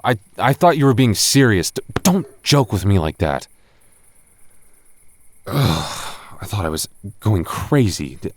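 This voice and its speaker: A male actor with a fairly low voice plays a gentle, nervous goth boyfriend in an ASMR roleplay, speaking softly and stammering when he gets flustered. There is no room sound.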